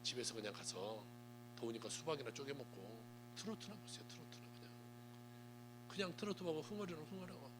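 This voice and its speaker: A man preaching a Sunday sermon as pastor, lively and theatrical, acting out what gossiping churchgoers say. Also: mid-range voice, brisk, very noisy. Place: church sanctuary.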